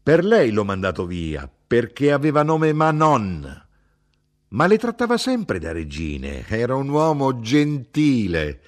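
A man reading the part of a blunt, indignant middle-aged mother who talks in a sharp, insistent way. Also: huge pitch swings, slow. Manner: sharp, insistent, rising in pitch.

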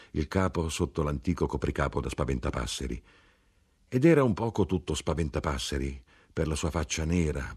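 A man narrating a literary story in a measured, expressive reading voice. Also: very deep voice, slightly rough.

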